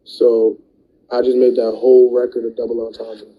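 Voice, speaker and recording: A man's voice: mid-range voice, completely flat delivery, moderate pace, highs cut off, a little hiss or hum. A man, a music artist and producer, talking in a laid-back, slangy way in an interview, full of "you know what I mean". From New Jersey. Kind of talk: casual interview talk.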